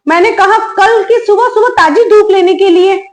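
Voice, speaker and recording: A woman voicing a lazy, cheeky young daughter-in-law who talks back quickly and chattily in a comic family sketch. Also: extremely high pitch, pitched above the performer's own voice. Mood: chatty. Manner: quick, chatty, giggly backtalk.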